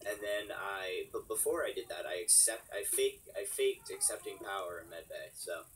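A lower-voiced man chats over a distant voice chat mic, sounding a little set back from it, with a light hiss. He rambles casually through what he did, stopping to correct himself. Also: expressive, moderate pace, a bit bright. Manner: rambling, self-correcting account. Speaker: player in an online game.

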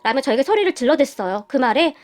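A woman's voice: high-pitched, lively intonation, fast talker. A woman narrating a dramatic first-person story in a heated, emphatic way.

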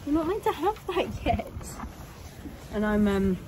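A woman's voice: a little high, very animated, measured pace, noisy background. A young woman, chatting upbeat and rambling in a vlog, filmed on a phone held at arm's length at a stable yard. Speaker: equestrian vlogger. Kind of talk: casual vlog chat. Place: stable yard, outdoors and in a horse lorry.

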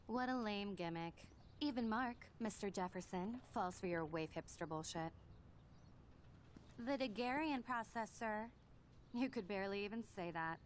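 A woman's voice: medium pitch, unhurried, slight background noise, natural voice. An actress voicing a snobby, mean teenage girl in a video game, mocking and condescending. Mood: mocking, sneering.

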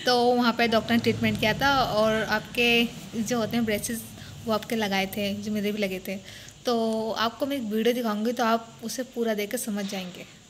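A woman's voice: on the high side, level tone, moderate pace, slight background noise, rough recording. Chatty woman talking with braces on. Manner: chatty, mixes English into Hindi, laughs at her own jokes. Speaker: vlogger. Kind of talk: casual chat to camera.

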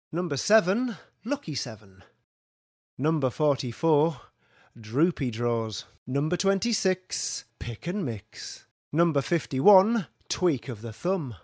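A man calls bingo in a slow, scripted sing-song. His pitch swings widely as he announces each call. The sound is close and dry, like a studio recording. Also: a little mellow, dry recording. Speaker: bingo caller. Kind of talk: scripted bingo calling, numbers with rhyming nicknames.

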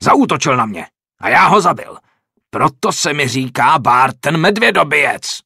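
A man's voice: on the high side, big pitch swings, vocal fry, pushed and bright, breathy edge, dry recording, studio quality, heavily acted. A man voicing a boastful, brutish male bandit leader who roars and blusters, in an audiobook. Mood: bellowing. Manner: roaring, blustering.

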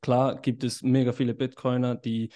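Mellow-voiced podcast host, relaxed and hesitant. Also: male voice, medium pitch, moderate pace. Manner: hesitant, many fillers, mixes in English words. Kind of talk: casual podcast conversation.

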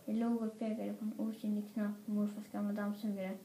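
A woman reading a children's story aloud in an expressive, playful way. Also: medium pitch, a little hiss or hum. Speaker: storybook reader. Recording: roomy echo.

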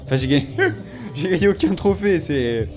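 Excitable high-voiced French gamer. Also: male voice, normal speed, music in the background. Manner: excitable, swears, groans and shouts at the game. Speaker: gamer streaming a mobile game tournament. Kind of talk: excited live gameplay commentary.

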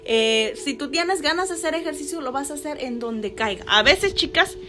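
A woman's voice: sits high, lively intonation, normal speed. A woman in her thirties with a Mexican Spanish accent, chatting casually to a phone camera in a small bedroom and giving upbeat, motivating talk. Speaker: fitness vlogger. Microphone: phone camera close up.

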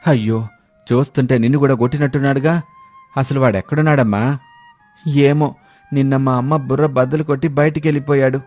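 A man's voice: medium pitch, fairly even intonation, a little fast, pauses often, a little mellow, voice pushed up, close to an everyday voice. A man voicing an angry village man who scolds and demands money back, with faint music behind. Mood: demanding.

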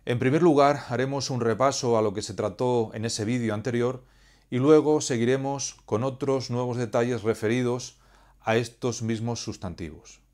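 A man teaching Spanish grammar, explaining rules in a measured, clear, didactic way. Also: mid-range voice, a little mellow. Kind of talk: scripted educational explanation.

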